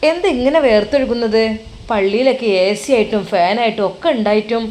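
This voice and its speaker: A woman's voice: a little high, a little fast, natural voice. Woman voicing a coaxing, reassuring male cleric. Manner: coaxing, reassuring, gently teasing. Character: kindly older male religious teacher, comforting friend.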